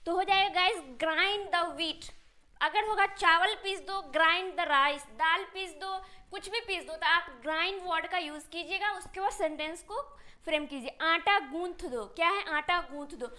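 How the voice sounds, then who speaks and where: High-pitched, bright woman teacher. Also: moderate pace. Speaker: English teacher. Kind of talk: spoken English lesson in Hindi.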